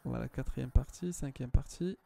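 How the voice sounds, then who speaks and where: A man's voice: medium pitch, normal speed, creaky, dark tone. A man tutoring a student one-on-one in math, patient, often repeating himself and checking that she follows.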